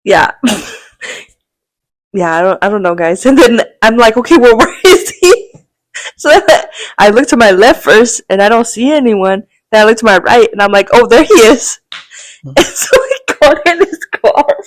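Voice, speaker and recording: At a moderate pace and medium pitch, a young adult woman co-hosts a podcast, recorded with no room sound. She tells a rambling story in casual chat, acting out quotes animatedly and laughing often.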